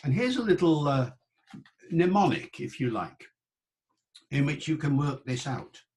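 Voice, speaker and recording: An older man giving an online lecture, pronouncing words slowly and repeating them to show how they sound. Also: on the high side, sing-song, a little mellow, a little hiss or hum. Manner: slow, careful, repeats words to demonstrate sounds. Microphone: online talk microphone.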